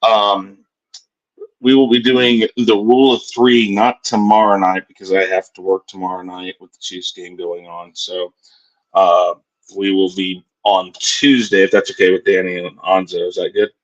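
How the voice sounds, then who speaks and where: A man with a fairly low voice hosts a casual round table. He directs the conversation informally, and the sound is somewhat dull and lo-fi. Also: level tone, normal speed. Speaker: host of online round table. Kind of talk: casual hosting, group chat.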